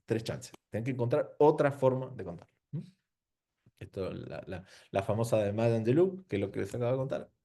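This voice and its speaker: An Argentine man gives an informal seminar talk on marketing. His pitch swings widely as he asks rhetorical questions and drops slang. The tone of his voice is warm and mellow. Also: lively intonation, fairly quick. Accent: Argentine Spanish. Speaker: marketing speaker. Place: venue with an audience.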